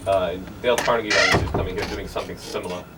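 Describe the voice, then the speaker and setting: A man's voice: low voice, fairly even intonation, rapid-fire. A man hosting a radio business show, asking a guest long, hesitant questions. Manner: questioning with many fillers and restarts. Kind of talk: radio interview. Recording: distant mic with background noise.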